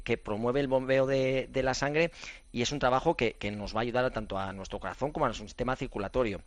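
On a radio show, a middle-aged Spanish man who was once an athlete and now coaches running chats casually. His medium-pitched voice tells stories animatedly, full of fillers and restarts, in a dry recording.

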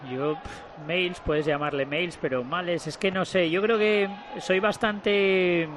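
A man's voice: high-pitched, fairly even intonation, slow, background noise. A man co-commentating on football, giving casual analysis with hesitant, rambling explanations. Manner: hesitant, full of fillers and restarts.

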